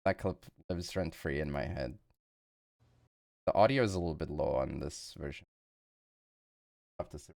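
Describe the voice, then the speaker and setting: A man's voice: extremely low pitch, moderate pace, vocal fry, pauses often, a little mellow. A man streaming live, chatting casually and playfully with viewers in a rambling way.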